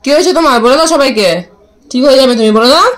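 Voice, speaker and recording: A woman's voice: high-pitched, very fast, low-quality recording. A woman vlogger talking tenderly to her pet parrot in a coaxing, affectionate way. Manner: coaxing, affectionate baby-talk to the bird. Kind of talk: casual talk to a pet parrot.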